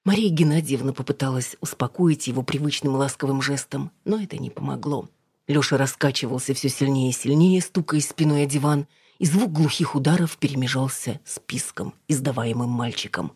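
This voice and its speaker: An audiobook reader narrating a novel in a steady, even storytelling manner. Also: medium pitch, brisk, husky, no room sound, clean studio sound.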